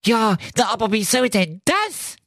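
A squeaky eager boy piglet. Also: expressive, unhurried, fairly bright tone, no room sound, clean studio sound, exaggerated voice. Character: squeaky little boy piglet, friendly and naive.

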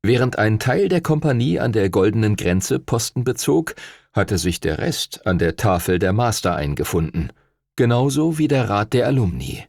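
Husky low-voiced male audiobook narrator. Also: no echo, studio quality. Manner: calm, measured storytelling. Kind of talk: scripted narration.

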